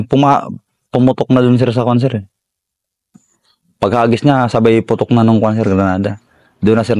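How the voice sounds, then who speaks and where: A middle-aged Filipino soldier from the Philippines, telling a war story in an interview, deferential and halting with many fillers. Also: male voice, mid-range voice, darkish tone, dry recording. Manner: deferential, says "sir" constantly, halting with fillers. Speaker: soldier recounting combat.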